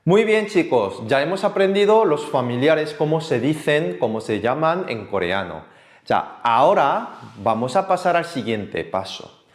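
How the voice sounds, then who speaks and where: A man's voice: a little high, a little slow. Guy teaching a class, patient, voice goes up and down a lot, echoey room. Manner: lively, patient, repeats words for the class to echo. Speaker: Korean language teacher. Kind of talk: online language lesson. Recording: echoey room with faint noise.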